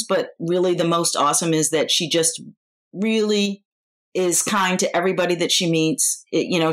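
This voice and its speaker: An American woman in her fifties, originally from New York, speaks in a fairly low voice. As an interview guest she answers casually and conversationally, feeling out her phrasing as she goes.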